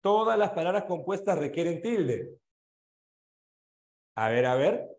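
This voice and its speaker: A man's voice: high-pitched, big pitch swings, measured pace, darkish tone. A man with a Peruvian Spanish accent teaching an online exam review class. He goes through the answers item by item and quizzes his students as he goes. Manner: checks answers item by item, asks students questions. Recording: echoey room.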